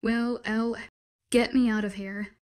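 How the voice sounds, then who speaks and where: A woman's voice: a little high, flat delivery, takes it slowly, darkish tone. A woman voicing a sarcastic captive girl.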